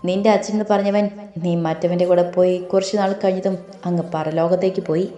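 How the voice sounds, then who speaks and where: A woman's voice: lowish voice, flat delivery, brisk, mellow, roomy sound, highs cut off, faint music behind, natural voice. A woman voicing a scornful, greedy middle-aged uncle who insults his niece, in an audio story. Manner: sneering, insulting.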